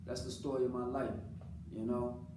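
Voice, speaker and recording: A man's voice: mid-range voice, flat delivery, moderate pace. An American man speaking off the cuff in an earnest, colloquial personal monologue, repeating phrases for emphasis. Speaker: father speaking about his own life. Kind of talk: unscripted personal monologue, casual talk. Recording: roomy, distant mic, clearly noisy background.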